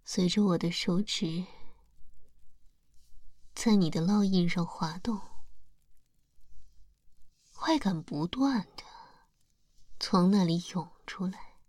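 A woman voicing a seductive female demon lord in an ASMR hypnosis roleplay, whispering slowly and softly with a breathy voice. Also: on the low side, no echo. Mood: coaxing. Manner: slow soft whispering.

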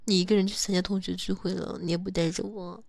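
Whispered role-play, jealous possessive lover played by a woman, teasing, scolding, soft breathy closeness. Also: on the low side, level tone, quick pace, dry recording. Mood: aggrieved.

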